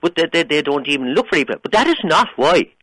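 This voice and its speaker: A man's voice: on the high side, very animated, fast talker, a bit bright, no room sound. An Irish man arguing on a radio phone-in in an opinionated, emphatic, condescending way. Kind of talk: heated phone-in debate.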